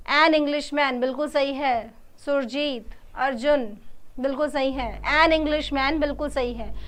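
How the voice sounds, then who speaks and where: A woman teaching an exam-prep English grammar class, asking the class questions, answering them herself and saying example sentences slowly. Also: sits high, fairly bright tone. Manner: slow, drawn-out English model sentences.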